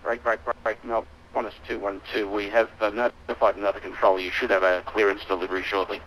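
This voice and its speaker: Male pilot over the radio, lower pitch, clipped routine phraseology, light background hiss. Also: little pitch movement, quick pace, fairly bright tone, low-quality recording. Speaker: airline pilot. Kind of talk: radio calls to ground control.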